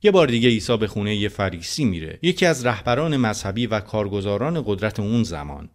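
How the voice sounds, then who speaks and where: Male preacher with a lowish voice who moves between formal scripture reading and relaxed, chatty commentary. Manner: reads formal verses then comments casually to the audience. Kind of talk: sermon reading and explaining scripture.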